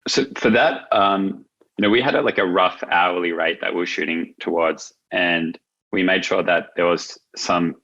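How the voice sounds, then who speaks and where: A man with a deep, slightly bright voice talks at a moderate pace, though the audio is dull. He's a business founder appearing as a podcast guest, explaining his company in a loose, wordy, conversational manner full of "like" and "you know."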